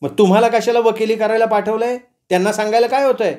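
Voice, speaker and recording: A man voicing a sharp-tongued young woman who answers with quick, mocking retorts in a told story. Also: high-pitched, fairly even intonation, voice pushed up, lightly acted. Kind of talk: storytelling with acted dialogue.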